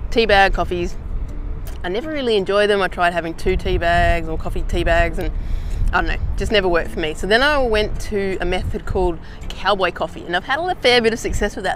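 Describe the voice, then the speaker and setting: An Australian woman vlogging outdoors in a casual how-to chat, slangy and relaxed with easy laughs. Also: medium pitch, slight background noise. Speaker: hiking vlogger.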